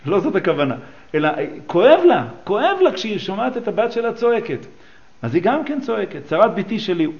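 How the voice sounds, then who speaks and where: A man with a fairly high voice that rises and falls a great deal teaches a religious class. He explains the texts line by line and stops to ask his listeners questions. The recording sounds dull and lo-fi. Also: very animated. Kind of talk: teaching a class on a psalm and midrash.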